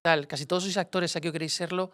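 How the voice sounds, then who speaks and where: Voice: medium pitch, fairly even intonation, very fast, a bit bright. A musical theatre performer speaking emphatically to students on a panel. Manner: emphatic, instructive.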